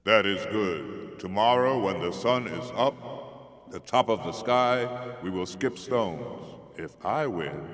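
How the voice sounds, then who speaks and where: A man voicing a huge, hungry, boastful male stone giant, booming and slow. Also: expressive, long reverb tail, a crowd in the background. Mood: pleased.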